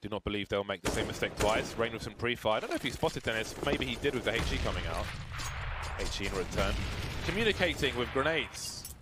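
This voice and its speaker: A man casting a competitive video game match play-by-play, quick and playful, rising to excited calls. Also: mid-range voice. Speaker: play-by-play caster. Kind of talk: esports commentary. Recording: noisy broadcast with game sounds behind.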